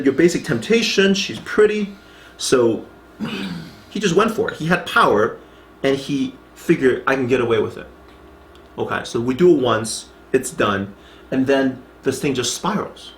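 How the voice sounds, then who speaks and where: Man, Bible teacher, conversational lecture, mid pitch, roomy echo, faint background hum. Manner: conversational, reads scripture aloud with asides; frequent restarts and checks like "okay?".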